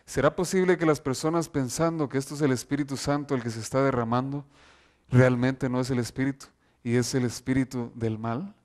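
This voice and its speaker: A man preaching an earnest sermon, reading scripture aloud from slides and slowing down to stress key verses. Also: medium pitch, fairly even intonation, darkish tone.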